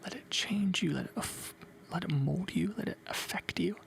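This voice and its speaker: An ASMR host whispers encouragement in a breathy, unvoiced voice, repeating motivational phrases over and over. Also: medium pitch, normal speed.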